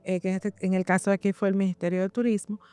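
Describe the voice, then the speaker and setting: A woman's voice: medium pitch, little pitch movement, fast, dark tone, clean tone, dry recording. A woman instructor, talking conversationally and often searching for words as she explains academic work. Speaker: university instructor.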